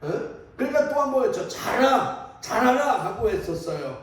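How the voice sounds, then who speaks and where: A man's voice: high voice, sing-song, fast talker. A man preaching a sermon as a priest, telling a story in a conversational way and asking the congregation questions. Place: church. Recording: echoey church from a distant mic.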